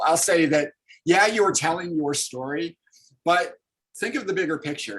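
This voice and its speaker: A man's voice: fairly high pitch, fairly bright tone, low-quality recording. A man in his thirties, a comics artist leading an online library workshop, talking casually and upbeat with many fillers over a video call.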